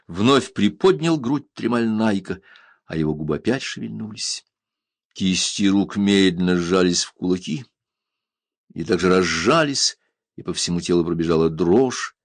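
A man narrating an adventure novel aloud in an expressive, dramatic reading. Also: lowish voice, unhurried, no room sound, clean studio sound. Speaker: audiobook narrator. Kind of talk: scripted narration.

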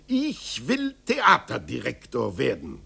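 A man voicing a hot-tempered old male puppet maker who bursts out in shrill, quarrelsome shouts, as a radio story reading. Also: wildly swooping pitch, slow pace, vocal fry, breathy edge, full character voice. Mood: scheming.

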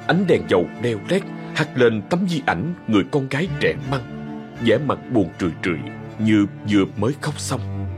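A male storyteller reads a ghost story in a measured, dramatic way. His pitch sits mid-range but moves expressively through the lines. Quiet music runs under his voice. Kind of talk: ghost-story audiobook narration.

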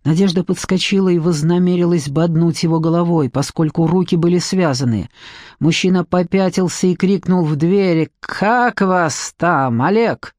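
A woman's voice: fairly low pitch, steady tone, normal speed, warm tone, no room sound, clean studio sound. Woman narrating a detective audiobook. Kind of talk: scripted narration.

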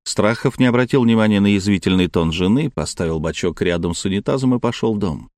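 Low-voiced male audiobook narrator. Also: lively intonation, fast talker, darkish tone, dry recording, clean studio sound. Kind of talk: scripted narration.

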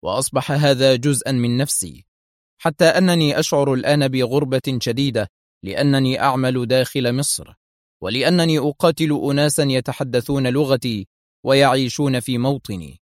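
A cool, sardonic male secret agent, read by a narrator in nearly his own voice. His lines are curt and mocking, delivered at a steady middle pitch. The audiobook sound is close and dry. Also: brisk, no room sound, lightly acted. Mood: calm. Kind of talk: audiobook character voice.

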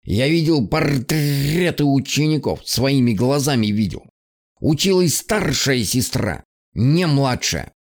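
A man voicing a grumpy male talking raven in an audiobook, slow and insistent. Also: mid-range voice, animated, creaky, heavily acted.

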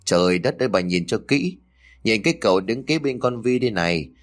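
A man's voice: fairly low pitch, animated, a little fast, natural voice. A man voicing a gossiping older woman neighbor in an audio story, insistent and talkative.

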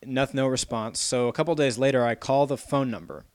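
A man's voice: mid-range voice, a little fast, a little mellow, no room sound, studio quality. A man in casual comedic chat, telling a long rambling story and laughing often.

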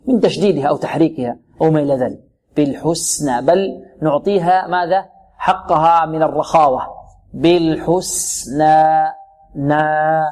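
A middle-aged man teaching tajweed, with a fairly high voice for a man. He stretches out each recited word slowly, then switches to brisk explanation and correction. He often poses a question and answers it himself. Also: a little mellow. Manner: slow drawn-out recitation of words, then quick corrections. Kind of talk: tajweed lesson with recited examples.

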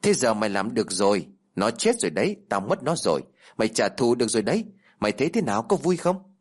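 A man's voice: mid-range voice, sing-song, quick pace, slightly rough. A man voicing a grieving older village ritual master who speaks bitterly, choked up with grief. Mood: anguished.

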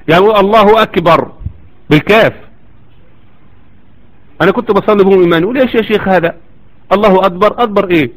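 Man, Egyptian Arabic accent, religious lecturer, rapid talker, high voice, argumentative, rhetorical questions. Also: poor audio. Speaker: Islamic lecturer.

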